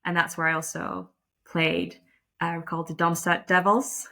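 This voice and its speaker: This is a lacrosse umpire from the Netherlands chatting as an interview guest, thoughtful and self-deprecating, often restarting and using fillers. She speaks on the low side at a measured pace, with vocal fry and a bright, forceful tone that stays level.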